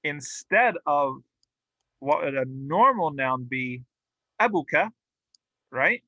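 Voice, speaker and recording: A man's voice: medium pitch, animated, takes it slowly, sharp tone, dry recording, lo-fi sound. A man teaching a classroom grammar lesson, explaining patiently and drilling example words aloud with light humor. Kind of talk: classroom lecture. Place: mosque classroom.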